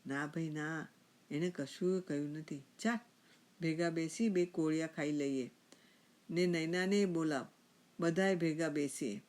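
A woman voicing an elderly father in a storybook tale, speaking slowly and tenderly with drawn-out, affectionate calls. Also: low voice, darkish tone.

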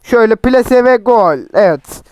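Hoarse young man, high voice. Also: lively intonation, unhurried, no room sound. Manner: chatty, teasing, shouts at players. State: sore throat, voice cracking. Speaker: mobile football gameplay streamer. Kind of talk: excited gameplay commentary.

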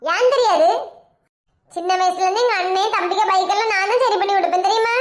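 A young woman with a Kanyakumari Tamil accent chatters in a comic sketch. Her voice sits very high, and her delivery is gossipy and scheming. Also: fast talker. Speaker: channel host and sketch performer.

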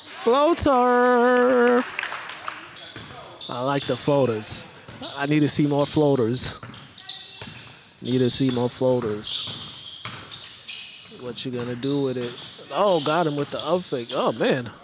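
A man's voice: medium pitch, lively intonation, slow pace, pauses often. A man giving casual, playful live commentary on a basketball game in an indoor school gym, recorded on a camera mic from the stands. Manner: playful, offhand, makes up sound words. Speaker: amateur play-by-play commentator. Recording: noisy gym audio, ball bounces.

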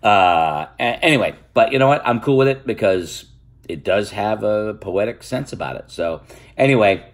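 An older man giving a casual, animated opinion rant on his vlog, exasperated and swearing freely between fillers. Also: on the low side, normal speed. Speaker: vlogger.

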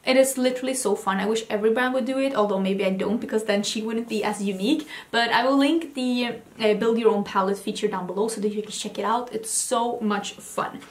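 With hardly any pauses, a fairly high-pitched woman talks fairly quickly in an echoey room. She's a beauty vlogger from Sweden in her thirties, with a Swedish accent, gushing through a casual haul video at home under vanity lights and frequently restarting words.

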